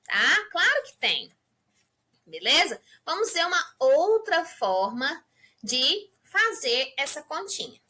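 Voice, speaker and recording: A woman's voice: high-pitched, sing-song, takes it slowly, bright, forceful tone. A woman from Brazil teaching an English lesson to beginners, patiently checking in with her students all the time. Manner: patient, checks in with the class constantly.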